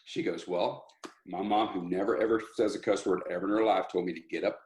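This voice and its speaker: Man, low voice, country singer guest, animated rambling storyteller. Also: a little fast, slight background noise, low-quality recording. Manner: animated, rambling with restarts and laughs. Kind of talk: casual interview storytelling.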